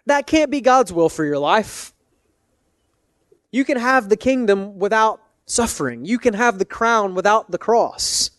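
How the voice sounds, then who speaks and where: A man's voice: sits high, expressive, measured pace, fairly bright tone, dry recording, clean studio sound, pitched above the performer's own voice. A man in a sermon voicing an insinuating tempter who coaxes and persuades toward an easy, selfish path. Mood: coaxing. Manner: coaxing, persuasive.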